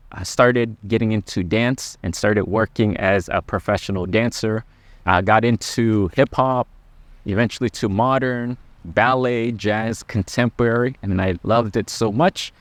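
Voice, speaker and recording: A middle-aged man who is a Buddhist monk, talking gently and earnestly to camera about life lessons, with frequent pauses. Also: lowish voice, dry recording. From Laos. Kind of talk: personal reflective talk to camera.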